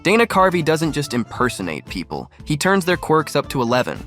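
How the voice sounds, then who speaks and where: A man's voice: fairly high pitch, wildly swooping pitch, a little fast, a bit bright, faint music behind. A man giving scripted, upbeat narration for a compilation of comedy clips.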